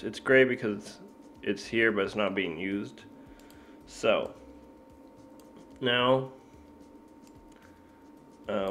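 Laid-back slow-talking man explaining code. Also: on the low side, a bit bright, slight background noise. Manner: laid-back, filler-heavy, thinking aloud with self-corrections. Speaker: programming tutor. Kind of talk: casual screen-recorded coding tutorial.

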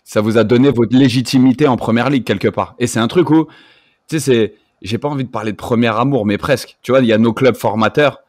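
A man's voice: medium pitch, quick pace, darkish tone, dry recording, clean studio sound. A man co-hosting a casual chat show, rambling through his setup with repeated words. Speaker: co-host.

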